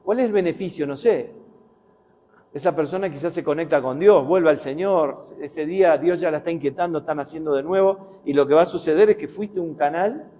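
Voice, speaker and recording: A man's voice: on the high side, a little fast, mellow. A man preaching a sermon with a Rioplatense accent, talking conversationally with rhetorical questions and anecdotes. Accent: Rioplatense Spanish. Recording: long hall reverb.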